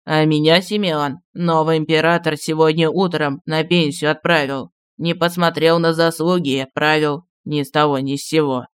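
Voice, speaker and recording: Мужчина-чтец аудиокниги озвучивает старого маршала в отставке, неторопливого и ворчливого, который вспоминает былое. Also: male voice, clean tone, dry recording, clean studio sound, close to an everyday voice. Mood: confiding. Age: older. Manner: slow, low, grumbling reminiscence. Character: old retired marshal, gruff, nostalgic, secretive.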